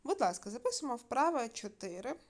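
A woman teaching primary school children in a recorded video lesson, reading out words slowly and clearly, with small fillers between steps. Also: a little high, big pitch swings. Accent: Ukrainian. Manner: slow, clear dictation with fillers.

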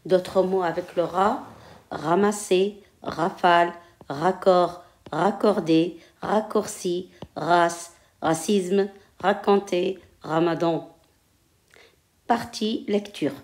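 Woman teacher reading out syllables one by one, really slow, lowish voice. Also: steady tone, darkish tone. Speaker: French teacher. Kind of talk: slow reading lesson for adult learners.

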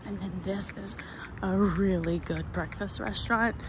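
A woman's voice: medium pitch, unhurried. A woman giving a casual walking tour outdoors, chatty and full of fillers, a bit tired and thirsty. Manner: chatty, filler-heavy, laughs often. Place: outdoor shopping center plaza. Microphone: handheld phone camera while walking. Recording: outdoor phone audio with street noise. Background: traffic and outdoor ambience.

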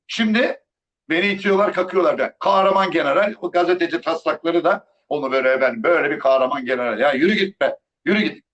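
A middle-aged man from Turkey delivers a live political monologue in a fairly high voice that swings between sarcasm and scolding. He talks like a seasoned commentator, throwing jabs and rhetorical questions. The sound is dull and a bit lo-fi. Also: fairly bright tone.

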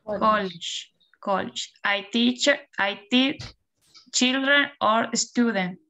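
A woman's voice: on the high side, very slow, gravelly, pushed and bright. A woman student with an Argentine accent, hesitantly reading out English answers and asking her teacher about pronunciation. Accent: Argentine Spanish. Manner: hesitant, sounds out English words, asks questions. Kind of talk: classroom practice, reading answers.

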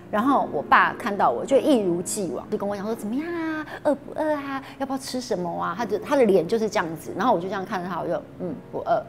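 A woman from Taiwan with a Taiwanese Mandarin accent, speaking candidly in an interview and often voicing her own harsh inner thoughts. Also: mid-range voice. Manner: candid, self-reproaching, quotes her own thoughts aloud. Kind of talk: emotional personal recollection.

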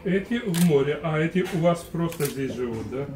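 A man tourist at an outdoor turtle farm making lively, chatty asides, recorded on a phone. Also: fairly high pitch, moderate pace, echoey room, noisy background. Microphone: phone camera.

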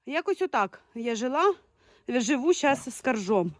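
A woman's voice: high-pitched, sing-song, a little slow, no room sound, studio quality. Chatty woman from Ukraine calling her dogs. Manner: chatty, shouting dog names, laughing. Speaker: dog breeder. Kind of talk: casual vlog commentary. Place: outdoors in a village yard with dogs.

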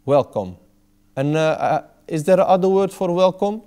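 In a high, warm voice that is clear and resonant, with lively intonation and a moderate pace, a man in his thirties teaches Arabic. He patiently repeats and explains each word in a small indoor classroom with a whiteboard.

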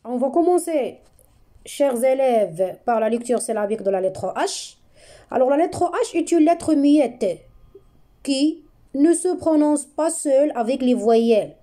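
A woman's voice: high voice, lively intonation, a little slow, warm tone. A woman giving a reading lesson, patiently drawing out each syllable and repeating every sound for her pupils. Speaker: reading teacher.

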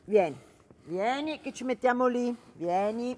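An actress on a theatre stage playing a patient adult daughter who speaks gently and coaxingly to her father. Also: on the high side, lively intonation, unhurried, a little hiss or hum. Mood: soothing. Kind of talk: stage play acting.

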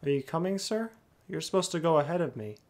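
A man's voice: on the high side, expressive, fast, background noise. Man putting on a nervous, naive, eager errand boy. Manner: nervous, stammering, gushing. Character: nervous, naive, eager young male wasteland errand-runner. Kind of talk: role-play gameplay commentary in character.

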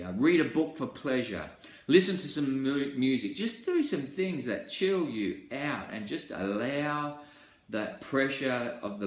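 A man's voice: medium pitch, echoey room. A man presenting a small-group life course, earnest and chatty, talking to a desk webcam with many fillers and restarts. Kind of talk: small-group teaching talk. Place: indoor room with wall pictures.

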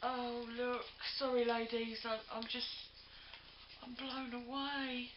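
A woman's voice: fairly high pitch, level tone, slow pace, background noise. Gushing woman, roomy lo-fi sound. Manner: gushing, effusive, many breathy "oh"s. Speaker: crafting vlogger. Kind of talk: gift unboxing vlog. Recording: lo-fi home video, roomy.

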